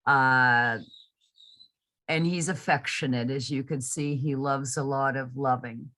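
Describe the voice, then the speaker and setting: Slow, low-voiced woman telling stories. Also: steady tone. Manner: slow, warm, affectionate storytelling. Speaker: foster carer. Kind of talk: casual interview answers. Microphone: video call.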